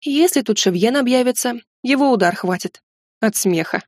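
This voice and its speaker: A woman reading an audiobook, voicing a sardonic, weakened male necromancer who speaks in a low, mocking way. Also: lively intonation, moderate pace, darkish tone, no room sound, clean studio sound.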